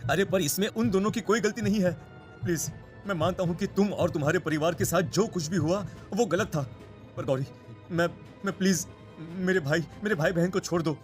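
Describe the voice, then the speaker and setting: A man's voice: high voice, fairly quick, faint music behind, natural voice. A man voicing an earnest pleading villager. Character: worried village father, pleading. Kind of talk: cartoon voice acting.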